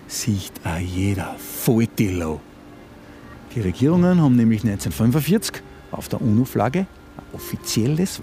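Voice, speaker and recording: In a contemporary radio play, a male actor with a fairly low-pitched, dark voice plays a domineering, condescending conspiracy believer turned kidnapper. He talks colloquially with an Austrian accent, sounding indignant and condescending, over slight background noise.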